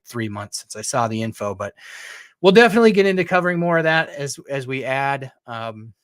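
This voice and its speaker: A man's voice: mid-range voice, a bit bright, dry recording, studio quality. A man hosting a live call-in stream, talking casually with many fillers and restarts. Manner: chatty, frequent fillers and restarts. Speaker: podcast host.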